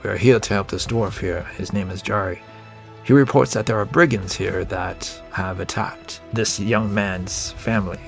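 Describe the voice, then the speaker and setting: A man's voice: fairly low pitch, fairly even intonation, moderate pace, gravelly, faint music behind. A man doing an earnest hero adventurer. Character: determined male hero adventurer.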